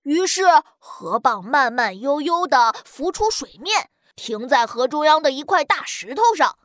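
High-voiced woman telling a kids' story. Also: no room sound, clean studio sound. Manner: gentle, expressive, slow-paced. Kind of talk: children's story narration.

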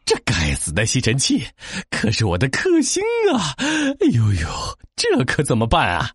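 A giant garbage monster king from a children's storybook, declaiming like a pompous villain. The pitch leaps wildly above the narrator's register, and the delivery is drawn out and bombastic, recorded very dry. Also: wildly swooping pitch, slow, dry recording, full character voice. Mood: panicked, wailing. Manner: theatrical villain monologue with gloating laughs and wails. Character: giant smelly garbage demon king, bombastic, gloating, easily hurt. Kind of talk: children's audio storybook character.

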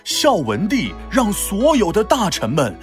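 A storyteller host narrates for children with playful exaggeration. The pitch swings widely from phrase to phrase, over soft background music. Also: huge pitch swings, a little slow. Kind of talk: animated scripted children's storytelling.

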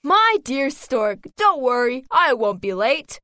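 A woman's voice: sits high, big pitch swings, takes it slowly, sharp tone, dry recording, clean studio sound, exaggerated voice. A woman voicing a greedy, scheming male fox in a storybook, fawning and sweet-talking. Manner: sweet-talking, wheedling, chuckling to himself. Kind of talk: storybook character reading.

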